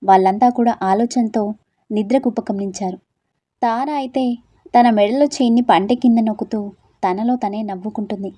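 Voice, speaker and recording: A woman storyteller reading narration calmly in an audio story. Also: fairly high pitch, normal speed. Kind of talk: scripted narration.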